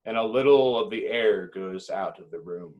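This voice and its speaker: A lowish-voiced man narrates screenplay directions dramatically during a table read, using careful phrasing broken by brief pauses. The audio sounds dull.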